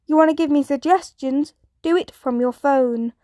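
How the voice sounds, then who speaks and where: A woman's voice: sits high, normal speed, mellow, no echo, studio quality, close to an everyday voice. A woman voicing a teenage boy hero in a fan fiction reading, tense but trying to sound casual.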